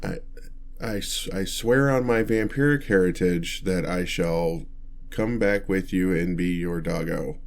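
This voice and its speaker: In an ASMR roleplay, a man plays a shy male vampire with a low, creaky voice, addressing the listener directly in a one-sided dialogue. He stammers in halting phrases, blustering and flustered, far too awkward and kind to be scary.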